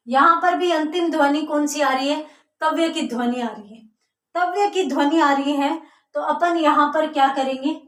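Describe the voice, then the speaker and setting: Slow high-voiced woman teaching grammar. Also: a bit bright, distant mic. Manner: explains step by step, asking and answering her own questions. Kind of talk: online grammar lesson. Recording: echoey room, voice from off mic.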